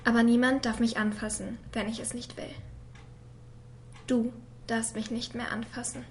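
A woman voicing a quiet, hurt young girl who reads a letter to her father in a soft voice that sometimes drops to a whisper. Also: on the high side, level tone, fairly quick, a little hiss or hum, natural voice. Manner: soft and subdued, at times whispered. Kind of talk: voice-over reading of a letter.

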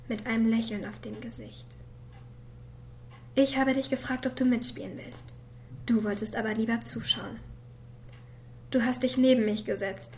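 A woman voicing a quiet, hurt young girl who reads a letter to her father in a soft voice that sometimes drops to a whisper. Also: on the high side, slight background noise, close to an everyday voice. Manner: soft and subdued, at times whispered. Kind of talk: voice-over reading of a letter.

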